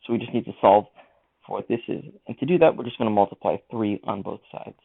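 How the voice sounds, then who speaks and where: A man's voice: lowish voice, quick pace, creaky, husky. A man teaching a math lesson, talking through each step of the working aloud. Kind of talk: screen-recorded lesson walkthrough. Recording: tinny lo-fi mic.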